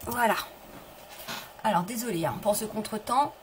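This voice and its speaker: A woman's voice: medium pitch, normal speed, slight background noise, rough recording. A middle-aged woman running a live papercraft tutorial, chatting casually, restarting sentences and answering viewers as she shows her materials. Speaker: papercraft demonstrator. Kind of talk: live-stream craft tutorial.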